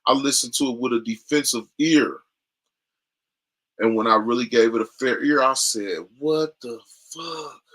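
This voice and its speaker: A man's voice: medium pitch, fairly even intonation, normal speed, long pauses, sharp tone, rough recording. A man in casual chat, insistently arguing his point in a rambling, profane way.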